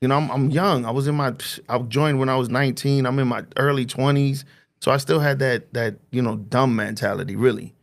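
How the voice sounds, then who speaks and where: A man's voice: medium pitch, fairly even intonation, a little fast. A man, a guest telling stories in a streetwise, profane way and acting out the dialogue. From New Jersey. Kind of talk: casual storytelling.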